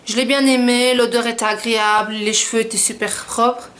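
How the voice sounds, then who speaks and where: A woman's voice: fairly high pitch, level tone, normal speed, background noise. A woman chatting through a casual beauty product review, rambling and poking fun at herself. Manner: chatty, rambling, self-mocking. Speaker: beauty vlogger.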